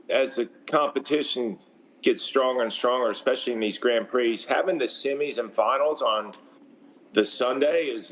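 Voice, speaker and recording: A man's voice: medium pitch, poor audio. A man giving color commentary on a platform tennis match, conversational and often restarting his sentences. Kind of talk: sports commentary.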